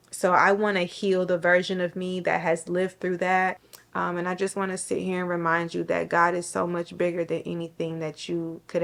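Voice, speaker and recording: A young woman giving an emotional faith testimony to camera, tearful and halting, often restarting her sentences. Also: lowish voice. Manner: halting, with restarts and soft pauses.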